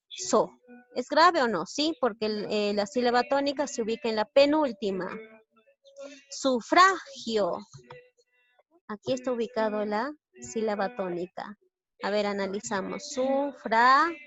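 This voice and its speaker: A woman teacher from Peru with a somewhat high voice, reviewing for an exam. She asks her students questions and explains each answer step by step. The recording sounds dull and lo-fi.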